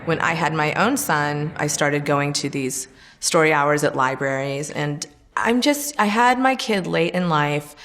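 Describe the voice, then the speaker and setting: A woman's voice: low-pitched, unhurried, a bit bright. A middle-aged woman talking casually in a documentary interview as the founder of a program. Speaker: story hour founder.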